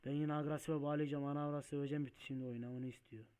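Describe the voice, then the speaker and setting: A man commentating his truck-driving game play, muttering to himself and breaking into frustrated shouts and swearing at mishaps. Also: on the high side, flat delivery, racing, clear, resonant tone. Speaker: gaming video host.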